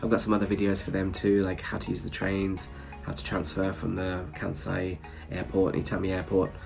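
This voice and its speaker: A travel vlogger with a hay-fever-blocked nose talks casually to camera, wandering a bit and chuckling softly for his viewers. His deep voice is monotone and slightly mellow, with vocal fry, at a moderate pace. Faint music can be heard behind him.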